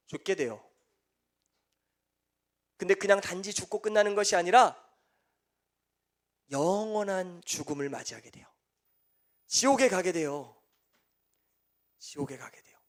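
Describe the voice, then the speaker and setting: A young man preaching a sermon to a congregation. He keeps asking the listeners questions and then answers them himself, dropping soft and low on the key answers. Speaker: evangelist preaching.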